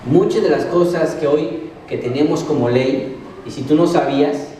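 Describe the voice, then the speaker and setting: Mexican male preacher, high and mellow, rhetorical-question sermon, distant mic with heavy hall echo. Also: moderate pace, a little hiss or hum. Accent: Mexican Spanish. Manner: asks the congregation questions and answers them. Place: church hall.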